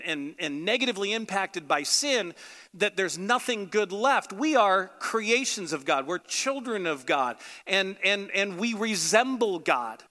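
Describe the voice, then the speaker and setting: High, bright-voiced American preacher in a hall. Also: male voice. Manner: conversational, emphatic, repeats phrases for emphasis. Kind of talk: sermon. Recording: echoey hall with long reverb.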